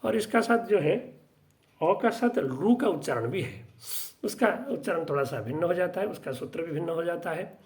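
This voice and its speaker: A middle-aged man teaching Sanskrit grammar, spelling out each word slowly and deliberately, with frequent filler pauses. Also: on the high side, animated, darkish tone. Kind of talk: slow, drawn-out lesson explanation with many pauses.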